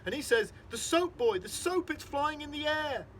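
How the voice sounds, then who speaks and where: A man voicing an excitable, shouting father in a storybook reading, loud and astonished. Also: very high-pitched, brisk, slight background noise, pitched above the performer's own voice, heavily acted.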